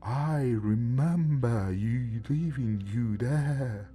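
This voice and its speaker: A man voicing a frightened, guilt-ridden elderly grandfather in a horror story, with a slow, strained, halting voice. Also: medium pitch, mellow, husky. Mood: remorseful. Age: older. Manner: halting, broken speech.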